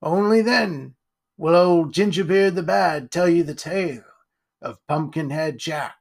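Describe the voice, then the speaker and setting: A man voicing a gruff, scarred old male captain who talks in old seafaring dialect with a growling manner. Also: fairly high pitch, unhurried, darkish tone.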